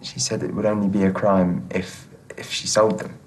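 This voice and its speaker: A young man playing a simple, guileless character who talks in a halting, earnest, childlike way. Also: low-pitched, flat delivery, darkish tone, low-quality recording.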